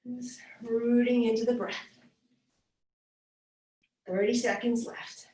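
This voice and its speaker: A woman yoga teacher leads a live class with hand weights, calling out moves and counting down the seconds as she works out alongside. Her voice sits a little high and she sounds a touch winded. She is picked up from a distance in an echoey studio. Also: flat delivery, slow, warm tone. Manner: cueing moves, encouraging, slightly winded. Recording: echoey room, voice from far off.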